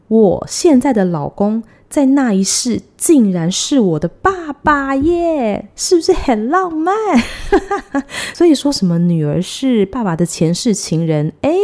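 A woman in her thirties, a podcast host, telling a personal story in a chatty, giggly way with drawn-out dramatic pauses. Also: fairly low pitch, dark tone.

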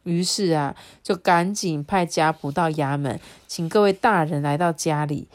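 Woman reading a kids' story aloud, lowish voice, expressive, chats with the kid after. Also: a little slow. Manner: expressive, chatty with a child. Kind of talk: read-aloud storytelling for children.

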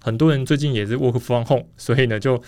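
A man's voice: medium pitch, fast, a little mellow, no room sound. A man with a Taiwanese Mandarin accent hosting a casual podcast in a rambling, explanatory way, slightly muffled by a face mask. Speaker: podcast host.

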